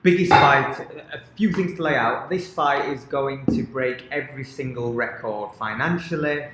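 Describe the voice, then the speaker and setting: A man's voice: mid-range voice, moderate pace, background noise. A man co-hosting a casual podcast, talking enthusiastically with lots of "um"s. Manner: enthusiastic, filler-heavy rambling. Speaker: podcast co-host. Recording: very echoey room, faint ambience.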